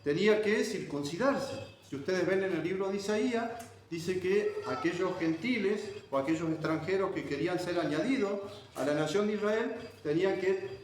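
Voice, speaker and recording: A man's voice: high voice, lively intonation, moderate pace. A man from Argentina with an Argentine accent preaching a sermon, explaining scripture verse by verse and checking in with his listeners. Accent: Argentine Spanish. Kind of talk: sermon, Bible teaching. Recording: very echoey room with faint ambient noise.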